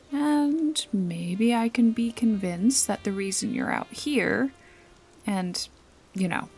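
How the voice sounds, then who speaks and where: In an intimate noir ASMR roleplay, a woman voices a wry, bossy detective who doubles as a bodyguard, teasing and casually threatening with a breathy delivery that often sinks to a whisper. Her medium-pitched, darkish voice carries a little hiss or hum, and the mood is teasing and commanding.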